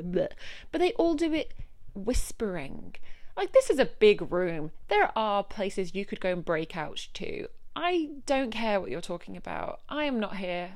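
A woman's voice: medium pitch, no echo, clean studio sound. A young woman venting in a chatty, exasperated way about her working day, as a casual vlog. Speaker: vlogger, news journalist.

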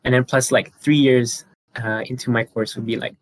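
A nineteen-year-old man talks through his plans at an earnest, steady pace. His voice sits in an ordinary middle register. It is recorded close and dry, with no room echo. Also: mid-range voice, moderate pace. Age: teens. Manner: earnest, explains step by step. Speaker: podcast co-host. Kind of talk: casual chat.

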